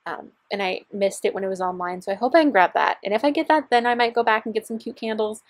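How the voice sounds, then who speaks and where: A woman's voice: mid-range voice, fast talker, no room sound. Bubbly young woman chatting about shopping finds. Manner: bubbly, chatty, gushing over cute finds. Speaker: vlogger. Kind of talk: shopping vlog voiceover. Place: parked car.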